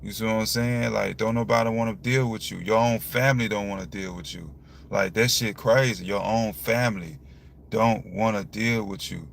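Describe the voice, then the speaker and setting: A young man speaks frankly and animatedly in a casual talk to camera. His fairly low voice has a gravelly edge, with faint background noise. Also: normal speed. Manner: frank and animated, repeats "you see what I'm saying". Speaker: vlogger.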